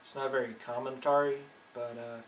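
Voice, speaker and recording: Man, twenties, halting "uh"-filled delivery, echoey room, mic set back. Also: mid-range voice, level tone, far from the mic, a little hiss or hum. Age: 20s. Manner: hesitant, full of "uh"s. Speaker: math tutor. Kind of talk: casual self-introduction.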